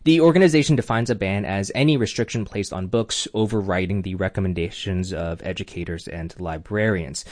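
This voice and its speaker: A man's voice: low-pitched, fairly quick, hardly any pauses, darkish tone, no room sound. Male correspondent, dry close read. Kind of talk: news report.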